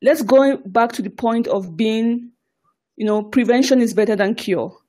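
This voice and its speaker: Higher-pitched woman chatting conversationally. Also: moderate pace, dark tone. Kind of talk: casual conversational discussion.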